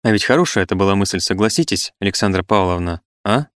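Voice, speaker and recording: A man's voice: deep voice, lively intonation, fast, no echo, clean studio sound. A man reading the part of an irritable older male cynic, mocking and exclamatory.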